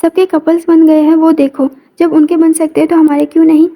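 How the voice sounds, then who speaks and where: A cheeky young female student, quick with a teasing retort, as a woman reads her in a novel. The voice is high and soft. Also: flat delivery.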